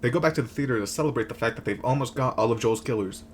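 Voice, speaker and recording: A man's voice: medium pitch, rapid-fire, slight background noise. A man delivering a scripted comedic rant as host, with sarcastic, crude, slangy jokes. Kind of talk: comedic rant recap of a video game, scripted narration.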